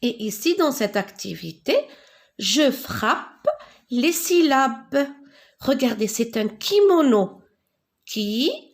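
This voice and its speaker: Woman teacher, slightly high voice, very slow and deliberate, spells and repeats words for beginners. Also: very animated. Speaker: French teacher. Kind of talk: slow classroom reading lesson.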